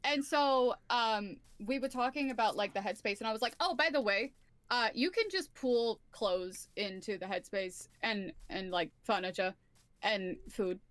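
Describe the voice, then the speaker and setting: A woman's voice: mid-range voice, moderate pace, fairly bright tone, no room sound. Talkative woman with a dry, close sound. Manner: talkative, explaining, casual swearing. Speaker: guest on a stream. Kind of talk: casual chat.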